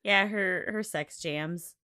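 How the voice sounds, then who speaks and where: Woman co-host, casual recap chat, giggly, teasing, excitable; dry close-mic sound. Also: on the low side, slow, no room sound. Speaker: podcast co-host.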